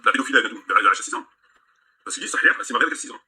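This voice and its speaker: A man's voice: fairly low pitch, very fast, pushed and bright, slightly rough. A man in a played video, reading out texts and mocking them in sarcastic commentary.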